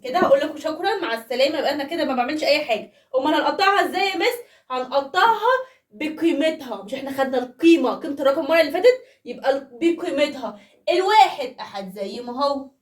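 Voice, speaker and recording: A high-pitched woman with an Egyptian Arabic accent explains primary math to young children in a casual, playful, chatty way, talking very fast and animatedly while asking them questions. She's far from the microphone, and her voice echoes around the room.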